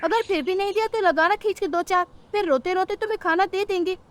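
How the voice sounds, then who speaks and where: A woman's voice: very high-pitched, quick pace, slight background noise, voice pushed up. A woman voicing a bossy, scheming mother crow in a cartoon who talks in a scolding, dismissive way.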